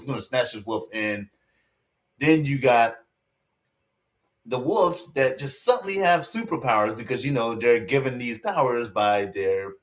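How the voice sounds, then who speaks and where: A man giving casual online commentary, rambling, with many fillers and restarts. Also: medium pitch.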